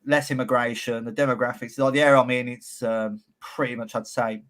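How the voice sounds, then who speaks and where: A man's voice: mid-range voice, fairly even intonation, brisk, a bit bright. A man with a Birmingham accent hosting a podcast interview, talking bluntly in laddish banter with plenty of swearing. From Birmingham, England. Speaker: podcast host. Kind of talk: casual interview chat.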